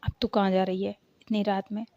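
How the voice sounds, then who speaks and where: A woman's voice: medium pitch, level tone, normal speed, warm tone, dry recording, lightly acted. A woman voicing a stern, suspicious middle-aged mother who scolds her daughter, in a storybook reading. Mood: scolding. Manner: scolding, curt. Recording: dull lo-fi recording.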